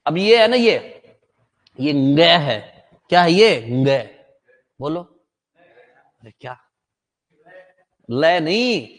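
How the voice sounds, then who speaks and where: A man with a creaky, fairly high voice teaches a class, joking with and teasing his students as he quizzes them on how letters are pronounced. A long hall reverb hangs over the recording.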